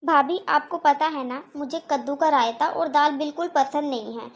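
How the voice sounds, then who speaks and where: A woman's voice: high-pitched, normal speed, highs cut off. A woman voicing a petulant young married woman in a cartoon, whiny and complaining. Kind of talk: cartoon voice acting.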